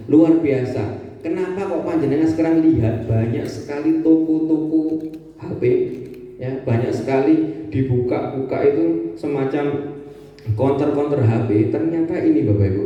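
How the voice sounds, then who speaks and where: Energetic man in an echoey hall. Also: a little high, distant mic, muffled recording. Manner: energetic, call-and-response, shouts counting cues. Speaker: ustaz giving a talk to parents. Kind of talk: lively interactive religious talk. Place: school hall.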